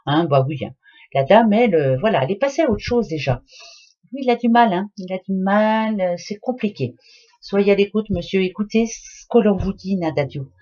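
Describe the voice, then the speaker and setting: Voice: mid-range voice, lively intonation, moderate pace, darkish tone, highs cut off. A tarot card reader giving a casual, chatty astrology reading in French, padding every phrase with hein and voilà and repeating key words for emphasis.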